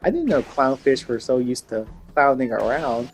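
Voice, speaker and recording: A man's voice: medium pitch, lively intonation, normal speed, a little hiss or hum, natural voice. A man voicing a playful bear mascot making fish puns. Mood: chirpy. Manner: punning, chirpy.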